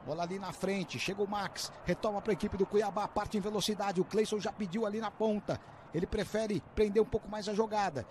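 A man's voice: high voice, fairly even intonation, fairly quick. A Brazilian man giving live play-by-play commentary on a football match. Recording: faint stadium noise on broadcast.

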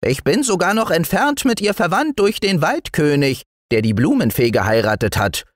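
A high, thin-voiced forest dwarf. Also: male voice, moderate pace, dry recording, studio quality. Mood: earnest. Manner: scolding, lively. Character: small gray male forest dwarf, stern but kindly. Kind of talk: storybook reading.

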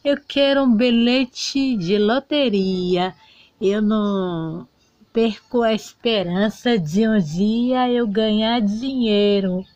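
A woman's voice: medium pitch, takes it slowly, a little mellow, no room sound, highs cut off, natural voice. A woman voicing Griselda, a proud single mother who raised her children alone, in a homemade doll soap opera. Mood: stubborn. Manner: stubborn, insistent. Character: hardworking single mother, abandoned by husband, proud. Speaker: doll novela character.

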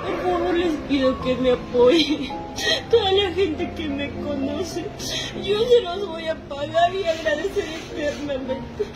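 At night outdoors by a river, a woman from Peru, mother of a missing girl, cries and pleads to the camera for help, her high, slightly slow voice breaking as she repeats her requests. The rough recording captures a loud crowd, with music heavily mixed underneath.

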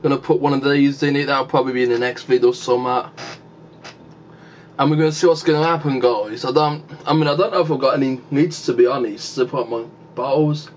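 A man's voice: mid-range voice, steady tone, fairly quick, slight background noise. A man vlogging casually with his mouth full of sour candy, talking to his viewers in a rambling way through a handheld camera. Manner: rambling and chatty, often addressing viewers as guys. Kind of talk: casual vlog chat.

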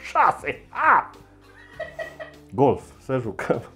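Sarcastic comic. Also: male voice, wildly swooping pitch, bright, forceful tone, faint music behind. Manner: mocking, sarcastic, with sudden jumps into high mock voices. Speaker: comedian. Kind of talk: satirical comedy monologue.

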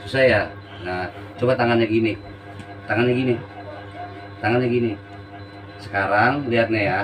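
A man's voice: mid-range voice, normal speed, a bit bright. A man, a spiritual practitioner, giving short, repeated coaxing commands during a live demonstration. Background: background music.

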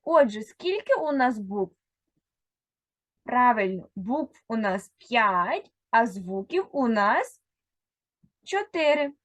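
In a dry recording, a primary school teacher with a high-sitting voice gives a reading lesson to first graders. She speaks slowly and carefully, sounding out words one at a time, and addresses a single child directly, pausing for replies.

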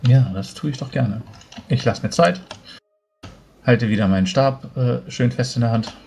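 A man's voice: mid-range voice, normal speed, vocal fry, a little mellow. A man taking his turn as a player in a tabletop role-playing game, talking casually through his moves. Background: music.

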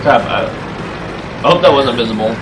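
A man's voice: mid-range voice, expressive, brisk, noisy background. A man chatting casually while playing a tank game, joking, laughing and swearing often. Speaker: gamer. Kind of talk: casual gameplay chat. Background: game music and tank sounds.

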